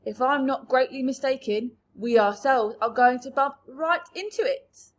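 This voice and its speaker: A woman's voice: sits high, a little slow. A woman reading aloud, voicing a bold, cocky male centipede who speaks brashly and sharply in a storybook.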